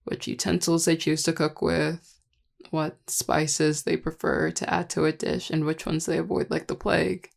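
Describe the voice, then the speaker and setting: A performer voicing a charming, affectionate vampire lover in an intimate audio role-play, teasing and tender in a relaxed, gravelly voice. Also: mid-range voice, moderate pace. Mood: fond, teasing. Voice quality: gravelly, heavy vocal fry. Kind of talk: intimate audio role-play, one-sided dialogue to listener.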